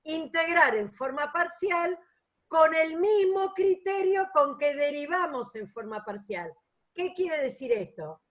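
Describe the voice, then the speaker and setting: Woman, high voice, patient explanations, online math lecture. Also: fairly bright tone. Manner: patient, explanatory, checks for understanding. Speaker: math teacher.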